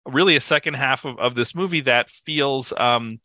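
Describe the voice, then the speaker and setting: A man's voice: medium pitch, moderate pace, pushed and bright, dry recording. A man co-hosting a film podcast, retelling scenes with enthusiasm and animation. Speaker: podcast co-host. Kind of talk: casual film discussion.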